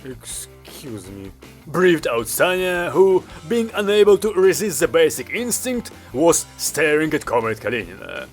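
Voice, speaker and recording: Expressive male narrator, animated, fairly high voice, light music. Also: normal speed, hardly any pauses. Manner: lively, expressive storytelling. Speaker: audiobook narrator. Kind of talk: scripted narration. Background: background music.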